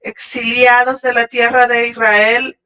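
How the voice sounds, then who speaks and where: Bright-voiced woman giving a translated sermon. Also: on the high side, little pitch movement, smooth. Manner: halting, with restarts and fillers. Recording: dull lo-fi audio.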